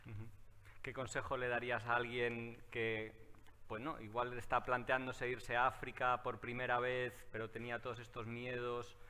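Moderador español de voz brillante. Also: male voice, mid-range voice, little pitch movement, moderate pace, sharp tone, clear, resonant tone. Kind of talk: hosting a Q&A session.

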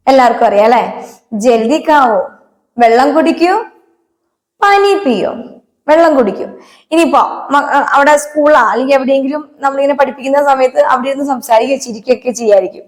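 A woman teaching a spoken Hindi lesson, patiently repeating each phrase slowly and quizzing her listeners. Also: sits high, reverberant, low-quality recording.

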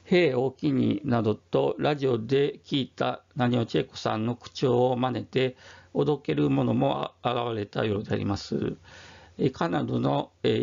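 A man with an Osaka accent talks through a history topic in a slow, formal manner and keeps pausing on "um". His voice is deeply gravelly and full of fry. The recording sounds muffled and lo-fi. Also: a little mellow. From Osaka, Japan. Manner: measured, formal, many "um" fillers. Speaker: YouTube history presenter. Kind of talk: explanatory monologue.

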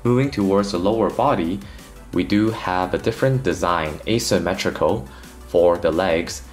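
A man's voice: deep voice, normal speed, darkish tone, faint music behind. A man narrating a toy unboxing review as host of his channel, earnest with light jokes.

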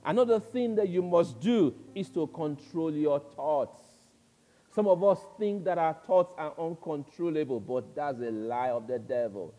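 A male pastor with a Nigerian English accent preaching a sermon, repeating key phrases with emphasis and swinging between loud peaks and soft appeals. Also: fairly high pitch. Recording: long church reverb with music behind.

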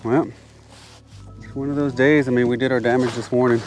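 A man narrating his fishing trip from a kayak outdoors, excited and repeating himself, a bit out of breath from the heat. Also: mid-range voice, brisk, faint music behind. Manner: excited, repeats phrases, drops to hushed whispers when sight casting. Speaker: fishing channel host. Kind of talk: casual outdoor narration to camera. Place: kayak on open water outdoors.

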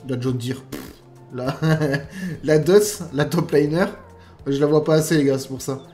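With soft music in the background, a man with a non-standard French accent reviews game mods over gameplay for his YouTube channel. He's chatty, uses many fillers, and addresses viewers as "guys," speaking unhurriedly in a slightly high, dark-toned voice.

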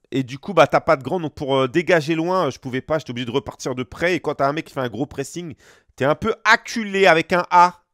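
A male gaming streamer with a slightly high voice talks through his team choices in loose, slangy chatter. He breaks off again and again to greet viewers by name, and the sound is close and dry, with no room echo. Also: clear, resonant tone. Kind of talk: casual live-stream gameplay commentary.

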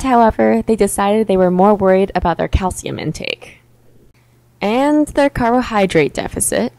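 A young woman narrating a mock-epic tale in a wry, deadpan storytelling manner. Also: mid-range voice, no echo, low-quality recording. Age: young adult.

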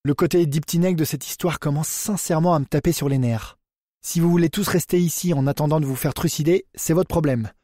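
A man voicing a frightened, defiant young male engineer who snaps and shouts. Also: on the high side, brisk, no room sound, studio quality, voice pushed up, close to an everyday voice. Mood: angry. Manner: agitated, defiant, raised voice.

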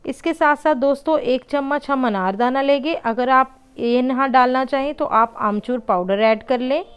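A woman's voice: high-pitched, moderate pace, smooth, soft background music. A woman hosting a home cooking channel, patiently explaining each step of a recipe in a voice-over and often calling her viewers friends.

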